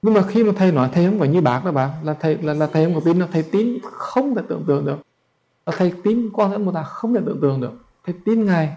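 A man's voice: fairly high pitch, lively intonation, quick pace, warm tone, lo-fi sound. A man, a Buddhist monk telling a story as a sermon in a colloquial, chatty way. He stumbles over repeated words and speaks straight to his listeners.

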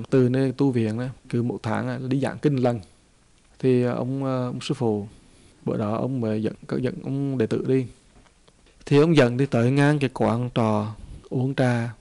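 Gravelly-voiced man telling a parable. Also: medium pitch, dark tone. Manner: halting, repetitive storytelling. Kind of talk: dharma talk storytelling.

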